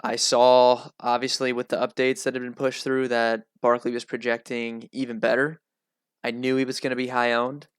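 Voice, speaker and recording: A male host with a nasal voice, talking through a casual solo analysis show in a chatty, relaxed way. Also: medium pitch, a little fast, clear, resonant tone, no room sound.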